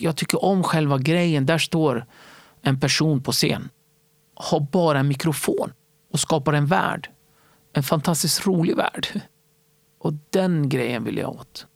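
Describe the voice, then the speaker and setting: A man recounts his career in a relaxed interview, lively and quick to act out other people's voices. His voice sits slightly high with a gravelly texture. The sound is close and dry. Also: no echo. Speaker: stand-up comedy entrepreneur and guest. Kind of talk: casual interview storytelling.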